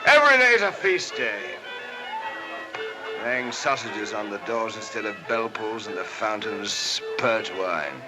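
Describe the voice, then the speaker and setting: An actor playing a stubborn, boisterous middle-aged painter in 1930s film style. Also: male voice, lowish voice, sing-song, slow, low-quality recording. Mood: merry. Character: older painter, a miller's brother, boisterous and stubborn. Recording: 1930s film soundtrack, music behind.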